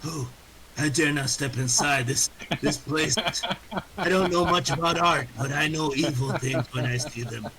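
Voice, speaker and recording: A man's voice: a little high, normal speed, bright, forceful tone, rough recording. A man playing a wary, superstitious adventurer in a tabletop game, suspicious of evil magic. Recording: faint background hiss.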